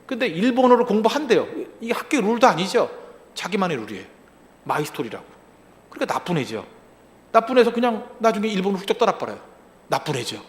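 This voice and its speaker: A high-voiced man preaching quickly, his pitch leaping up and down as he throws rhetorical questions at the congregation. He acts out little quoted lines along the way, and his voice rings with the long reverb of a large hall. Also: big pitch swings. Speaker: pastor. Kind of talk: sermon.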